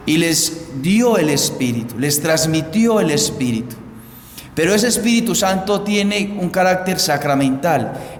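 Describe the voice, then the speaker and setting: A priest reads the Gospel and preaches in an unhurried, measured voice pitched a little above the usual for a man. His words ring out under a cathedral echo with a long hall reverb. A faint hiss sits behind him. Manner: slow, measured liturgical delivery. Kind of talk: Pentecost homily and Gospel reading. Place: large church. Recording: echoey church hall, faint background hiss.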